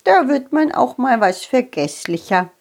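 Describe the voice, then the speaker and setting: Woman doing a gentle, forgetful old fairy. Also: high voice, very animated, a little slow, vocal fry, exaggerated voice. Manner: gentle, soothing, motherly.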